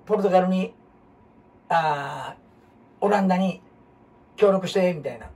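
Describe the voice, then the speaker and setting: Husky Kansai man telling history. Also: high voice, unhurried. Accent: Kansai Japanese. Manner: animated storyteller, jumps between topics, asks rhetorical questions. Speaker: host. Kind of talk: casual history talk. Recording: husky voice from far off the mic.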